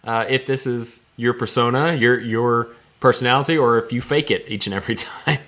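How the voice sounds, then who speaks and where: A man's voice: mid-range voice, steady tone, fairly quick, fairly bright tone. A man hosting a casual podcast, jokey and laughing often, with frequent restarts. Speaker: podcast host.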